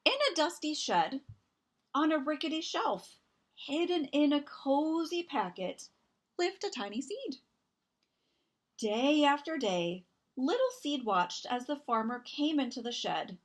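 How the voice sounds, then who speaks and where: This high-voiced woman storyteller reads a picture book aloud very slowly, her pitch swinging widely. Her children's story narration is expressive, deliberate, and dramatically emphasized.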